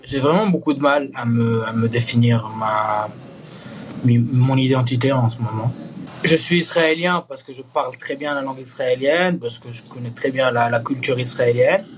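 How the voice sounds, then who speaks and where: A young man born in East Jerusalem, speaking in a candid interview, earnest and halting with frequent restarts and fillers. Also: medium pitch, background noise. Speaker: Israeli reservist interviewee.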